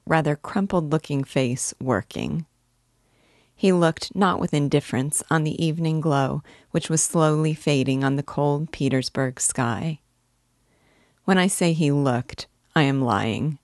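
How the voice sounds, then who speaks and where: A woman reading a classic novel aloud in a measured, earnest storytelling manner. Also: deep voice, darkish tone, no echo, studio quality. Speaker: audiobook narrator. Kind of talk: scripted narration.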